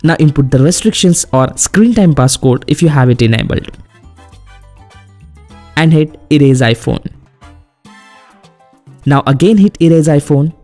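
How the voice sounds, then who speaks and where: Mellow-voiced man giving tech steps. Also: on the high side. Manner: plain, instructional, brisk commands. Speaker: tech tutorial host. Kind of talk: step-by-step tutorial voice-over.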